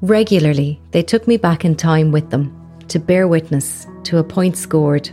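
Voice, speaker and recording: A woman giving measured, reflective scripted narration for a podcast. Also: deep voice, dark tone, faint music behind.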